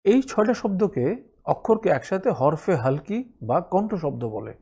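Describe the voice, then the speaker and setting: A man's voice: high-pitched, big pitch swings, normal speed, vocal fry, mellow, slightly rough. A man teaching Quran recitation in a spoken lesson, explaining each rule patiently and repeating the sounds for practice.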